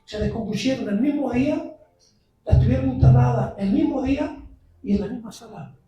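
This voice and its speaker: A visiting preacher, a man, giving an impassioned sermon that builds to shouts. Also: extremely high pitch, normal speed, recorded from a distance, a little hiss or hum. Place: church sanctuary. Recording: very echoey church, heard from afar.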